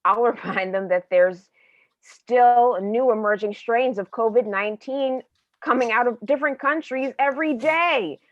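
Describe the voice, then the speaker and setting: A woman's voice: fairly high pitch, measured pace, dry recording. A woman voicing a smug villain-turned-hero anti-masker in an improvised comedy scene, heard over a bad, lo-fi video call connection. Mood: scheming. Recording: dull lo-fi call audio, dry.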